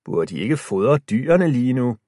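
A man's voice: mid-range voice, big pitch swings, dark tone, dry recording, studio quality. A man doing a stern scolding father. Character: stern zookeeper father, middle-aged.

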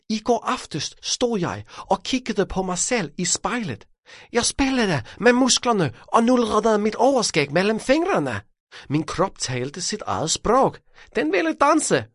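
A man's voice: high voice, a bit bright, no room sound, clean studio sound, voice pushed up, exaggerated voice. A man voicing a vain, boastful male disco-dancing villain in a children's audiobook. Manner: boastful, swooning. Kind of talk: storybook character voice.

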